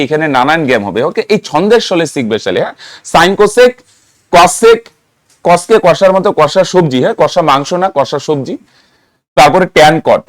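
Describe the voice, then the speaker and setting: A man's voice: high voice, no room sound, studio quality. Man teaching math. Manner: rhythmic mnemonic chanting, asks students questions. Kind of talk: classroom lesson.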